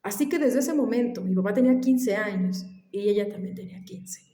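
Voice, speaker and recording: Speaking at a medium pitch, a woman recounts a family tale at an easy, casual pace, sometimes stopping and sometimes whispering softly on the side. She brings up her allergies, and the room she's in is echoey.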